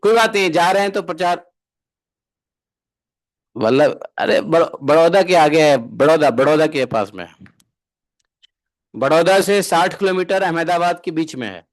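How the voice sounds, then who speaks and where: A man's voice: on the high side, a little slow, pauses often. A man giving a devotional discourse as a spiritual teacher, bantering and often asking his listeners rhetorical questions.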